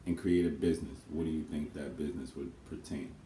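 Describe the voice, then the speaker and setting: A man with a very deep voice lays out his ideas earnestly and with emphasis in a casual Q&A with his twin. The room is echoey, with a faint hiss in the background. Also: steady tone, fast, mellow. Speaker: co-host twin. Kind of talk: casual Q&A chat.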